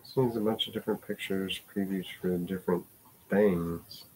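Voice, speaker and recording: Low-voiced man rambling casually. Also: steady tone, moderate pace, darkish tone, slight background noise. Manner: rambling, hesitant, with many fillers and restarts; swears casually. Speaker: vlogger. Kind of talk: casual rambling vlog talk.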